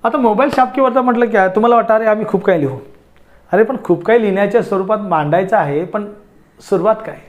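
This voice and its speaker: A man teaching students how to write essays, talking to them directly and asking them rhetorical questions. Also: high-pitched. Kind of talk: essay-writing lesson.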